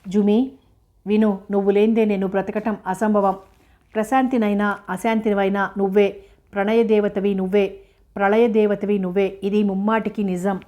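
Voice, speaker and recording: A woman's voice: mid-range voice, level tone, normal speed, highs cut off, natural voice. A woman voicing a lovesick, anguished young man who pleads emotionally. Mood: pleading.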